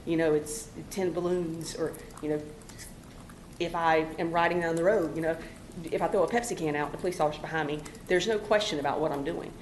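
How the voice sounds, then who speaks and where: Woman at the podium: low pitch, earnest, halting delivery, roomy chamber recording. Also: fairly even intonation. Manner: earnest, halting, many "you know" fillers. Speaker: public commenter at a city council meeting. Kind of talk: public comment speech. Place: city council chamber. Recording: echoey council chamber recording, faint hum.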